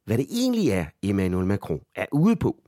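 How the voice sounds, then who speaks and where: A man's voice: fairly low pitch, wildly swooping pitch, fast talker, warm tone, no room sound, clean studio sound. A male news correspondent speaking Danish, reporting and introducing interviewees.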